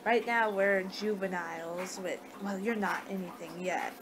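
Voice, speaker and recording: A young adult woman from the United States rambles conversationally in a casual ASMR vampire roleplay, her voice medium in pitch and her pace measured. She's recording on a homemade webcam in her living room at home, and the amateur audio is noisy.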